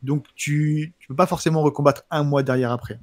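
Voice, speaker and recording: Male, quick casual livestream talker, slight lisp with sh-like s, slangy sports chat with repeated words. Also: on the high side, steady tone. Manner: slight lisp, slushy sh-like s sounds. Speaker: professional MMA fighter answering viewer questions.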